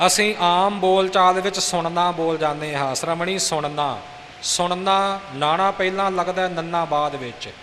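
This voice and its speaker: A man's voice: high voice, normal speed, a bit bright. A man teaching the correct pronunciation of scripture recitation, patient and instructive, repeating phrases to model them. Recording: hissy recording with long reverb.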